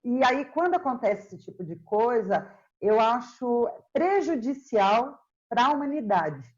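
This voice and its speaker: A middle-aged woman, a historian being interviewed, speaking slowly and earnestly in a relaxed, reflective way. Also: fairly high pitch, dull audio. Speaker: historian guest. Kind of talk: casual interview chat.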